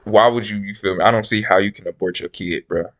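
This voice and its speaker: A man's voice: lowish voice, fairly even intonation, fast talker, a bit bright. A man giving casual reaction commentary in a slangy frat-bro manner, peppering his talk with bro. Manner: bro-heavy slangy frat-bro talk, repeats "bro" and "you feel me".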